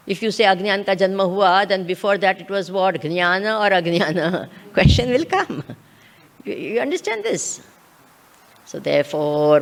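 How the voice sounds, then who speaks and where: A woman with an Indian accent giving a scriptural lecture as a spiritual teacher, repeating key words and posing questions to check understanding. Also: mid-range voice.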